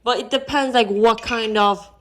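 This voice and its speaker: A woman's voice: fairly high pitch, steady tone, normal speed, a bit bright. A Korean woman with an accent, a vlog host at home explaining food and a board game to her partner in simple, playful English. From South Korea.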